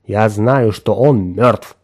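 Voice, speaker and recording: A man's voice: on the low side, slow, darkish tone, husky. A man voicing a suspicious, mocking friend who refuses to believe the caller. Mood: incredulous mockery. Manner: incredulous, sneering.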